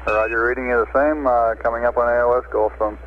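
An American man calls a spacecraft from mission control over a thin, tinny radio link with faint hiss and beeps. His mid-pitched voice is calm and procedural. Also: fast talker. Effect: radio transmission. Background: static and radio beeps.

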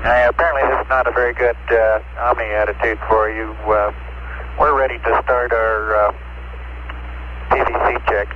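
A man's voice: mid-range voice, fairly even intonation, moderate pace. A man speaking as an astronaut in procedural exchanges over a crackly military-style radio. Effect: radio transmission. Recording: muffled radio link with faint static.

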